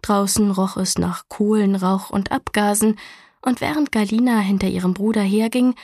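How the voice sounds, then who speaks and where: A woman narrating a children's storybook in a calm, even reading voice. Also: medium pitch, normal speed, dry recording, studio quality. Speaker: audiobook narrator.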